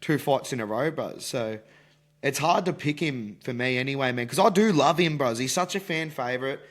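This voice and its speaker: A man's voice: mid-range voice, lively intonation, normal speed. A young man with an Australian accent having a casual, slangy, blokey sports chat with plenty of swearing. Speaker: fight prediction podcast host.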